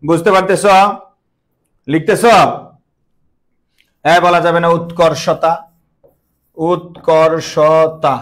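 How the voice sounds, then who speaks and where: A young man with a slightly high voice teaches an online class. He repeats key words with emphasis and keeps quizzing his students. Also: flat delivery, a little slow, pauses often.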